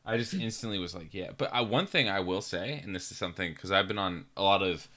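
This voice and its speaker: A young man from the United States with a low voice that still has a bright, forceful edge. He talks in loose, rambling stretches on a casual podcast and swears freely. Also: fast talker. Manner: loose, profane, rambling storyteller. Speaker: podcast co-host. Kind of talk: casual chat.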